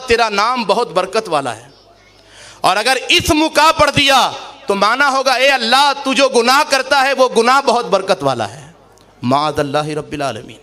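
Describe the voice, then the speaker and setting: A man preaching a sermon to a gathering, impassioned, swinging between loud emphatic shouts and low earnest tones, and slowly reciting Arabic verses. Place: mosque or madrasa gathering.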